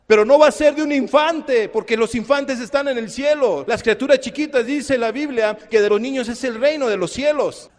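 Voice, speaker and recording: A man preaching a sermon, swinging from loud cries to hushed low tones and repeating words for emphasis. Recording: long hall reverb.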